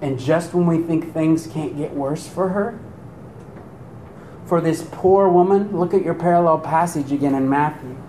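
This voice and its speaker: Male preacher, lively delivery, rhetorical questions to the pews, slightly raised pitch, roomy echo. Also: unhurried. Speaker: pastor. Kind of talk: sermon. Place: church sanctuary. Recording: echoey room with faint rumble.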